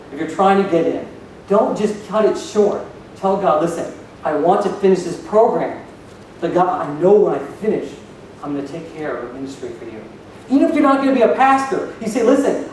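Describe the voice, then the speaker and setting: High-voiced man preaching in an echoey hall. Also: distant mic, slight background noise. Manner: preaching with questions to the congregation. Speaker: pastor. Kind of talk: sermon. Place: church hall.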